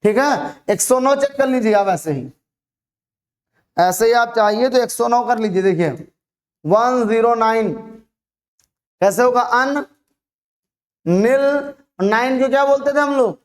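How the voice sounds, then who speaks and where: In an online chemistry lesson, the teacher's voice sits at a middling pitch. Questions are asked aloud and answered on the spot, while terms are spelled out and slowly repeated for retention.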